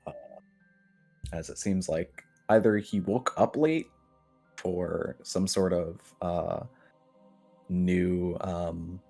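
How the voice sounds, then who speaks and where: A man narrating a tabletop game as game master in a measured way, with frequent fillers. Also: sits low, gravelly, warm tone, faint music behind.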